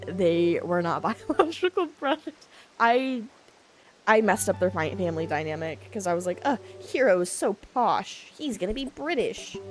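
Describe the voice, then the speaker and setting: Young woman streaming, chatty n rambly, bouncy voice, game music behind. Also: lowish voice. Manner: chatty and rambling, lots of fillers and laughs. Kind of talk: casual gaming stream chat.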